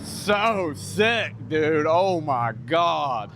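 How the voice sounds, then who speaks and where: An American man vlogging at an outdoor car event, speaking slow, simplified English to a local guest. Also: fairly high pitch, animated, gravelly. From United States. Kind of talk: casual chat. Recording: noisy outdoor event sound.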